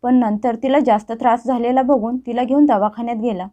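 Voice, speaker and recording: A woman reading a scripted family story aloud as a steady storyteller, in a dull, muffled recording. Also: a little high, a little fast.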